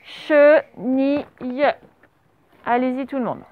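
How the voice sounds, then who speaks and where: A primary school teacher, a woman, speaks through a face mask during a spelling dictation, pulling out each syllable and naming the letters aloud. Her high voice has lively intonation and an unhurried pace. It sounds narrow, phone-like, with traffic noise through open doors.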